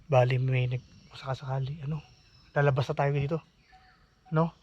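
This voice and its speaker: A man vlogging outdoors near a forest, talking in a hushed, uneasy way and urging his companion to leave. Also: mid-range voice, steady tone, normal speed. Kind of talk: casual vlog narration. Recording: dull lo-fi phone audio with outdoor noise.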